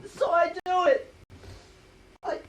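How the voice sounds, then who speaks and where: A woman's voice: very high-pitched, steady tone, far from the mic, poor audio. A woman playing a guilt-ridden grieving teenage boy. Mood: distraught. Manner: distraught, halting, stammering. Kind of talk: amateur stage acting. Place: school stage, recorded from the hall.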